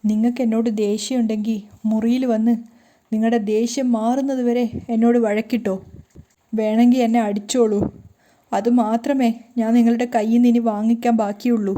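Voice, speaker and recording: Woman voicing a young wife, hurt, loud and reproachful, pleading, mellow dark voice. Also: fairly high pitch, steady tone, moderate pace, natural voice. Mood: tearful pleading. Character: hurt young wife confronting her hot-tempered husband.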